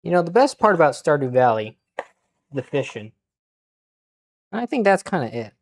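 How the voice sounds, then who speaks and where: A man streaming himself cooking, chatting casually with deadpan, self-mocking asides and muttering to himself as he works. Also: a little high, moderate pace. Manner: mutters to himself while working. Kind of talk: casual chat while cooking.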